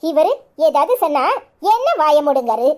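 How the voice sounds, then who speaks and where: A woman's voice: high-pitched, very animated, normal speed, darkish tone. A woman with a Kanyakumari Tamil accent voicing a quarrelsome young village wife in a cartoon, scolding and sarcastic. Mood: angry. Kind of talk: cartoon voice acting.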